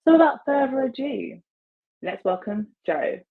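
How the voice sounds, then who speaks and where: A woman hosts a career podcast, chatting casually and enthusiastically with her guest over a video call through earbuds. Her high voice is sing-song with vocal fry, at a measured pace, and the audio sounds phone-quality. She comes across effusive.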